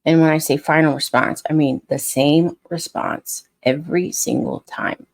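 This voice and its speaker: A woman's voice: low voice, unhurried, creaky, no echo. A woman dog trainer in casual, unscripted talk, blunt and frustrated, rambling with frequent restarts. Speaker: scent work dog trainer.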